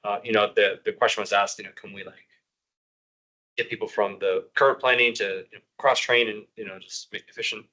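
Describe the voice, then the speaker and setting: A man's voice: lowish voice, sharp tone, rough recording. A man on a housing commission talking through budget priorities at a public meeting, rambling with many fillers and restarts.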